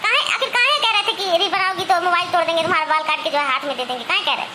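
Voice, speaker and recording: A woman's voice: very high voice, racing. A woman voicing a doting, protective young husband in a cartoon comedy, reassuring and indignant in manner. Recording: noisy amateur recording.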